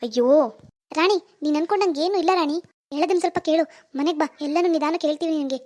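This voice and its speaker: A woman's voice: high voice, quick pace, darkish tone, close to an everyday voice. A woman voicing a young husband in a cartoon, earnest, pleading and insistent. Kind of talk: animated cartoon dialogue.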